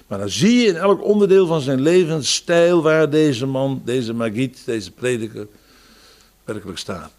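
A man preaching a sermon, quoting psalms and scripture, with raised emphasis that falls to quiet phrases. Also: mid-range voice.

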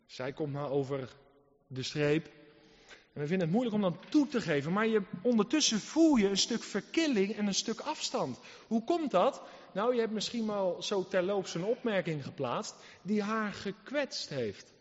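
A man preaching a sermon, emphatic and full of rhetorical questions, who swings between loud and soft. The recording is reverberant and dull. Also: high-pitched, expressive, moderate pace. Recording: reverberant hall, dull lo-fi sound.

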